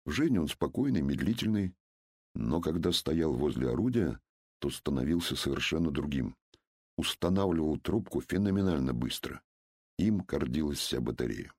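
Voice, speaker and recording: Deep, husky male memoir narrator. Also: animated, normal speed, darkish tone, dry recording, studio quality. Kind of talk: first-person memoir narration.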